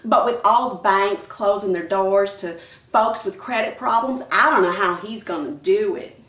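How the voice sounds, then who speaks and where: A nosy neighbor woman dishes gossip with fake sympathy , as a woman acts her out. Her voice is medium-pitched and sounds in an echoey room. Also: moderate pace, a bit bright, natural voice. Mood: concerned. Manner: catty, mock-sympathetic.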